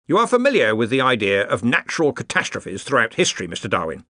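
A man voicing a gruff, bossy male head wizard who talks briskly and gives orders. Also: medium pitch, huge pitch swings, sharp tone, no room sound, clean studio sound, full character voice. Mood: commanding. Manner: brisk and commanding.

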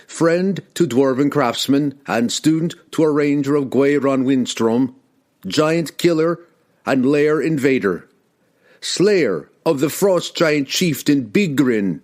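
A man voicing a proud young male barbarian warrior, slow and booming as he proclaims. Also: expressive, darkish tone.

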